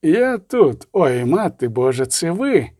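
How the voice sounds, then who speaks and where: A man's voice: fairly high pitch, very animated, slow pace, warm tone, no room sound, clean studio sound, exaggerated voice. A man voicing a frightened, nervous church deacon in an audiobook. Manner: nervous, startled.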